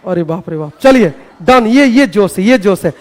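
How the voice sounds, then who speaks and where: A man teaching a class in a classroom, loud and playful, rallying the students with call-and-response. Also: high-pitched, lively intonation, normal speed, a crowd in the background, background noise. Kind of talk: energetic classroom lecture.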